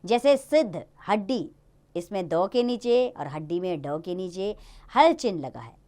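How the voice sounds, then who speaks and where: A woman teaching a Hindi grammar lesson to young children in a lively, sing-song way. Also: fairly low pitch, a little slow.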